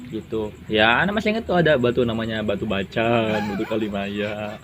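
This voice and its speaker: A man's voice: fairly low pitch, brisk. A young man chatting casually as a guest, telling anecdotes with laughs and Islamic expressions. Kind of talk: casual interview. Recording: noisy background.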